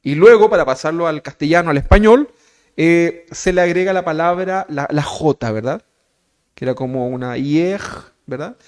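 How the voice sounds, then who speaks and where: A man's voice: on the high side, moderate pace, a little mellow. A man with a Chilean Spanish accent preaching a teaching sermon, talking conversationally and often checking in with his listeners. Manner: conversational, keeps asking "¿verdad?"; asks the congregation direct questions. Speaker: pastor.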